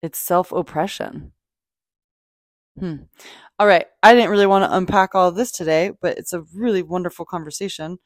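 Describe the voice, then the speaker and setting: In a clean studio with no room sound, a woman with a fairly low voice hosts a podcast at normal speed. She talks about self-help casually and without a script, in a gushing, emphatic, sweary style.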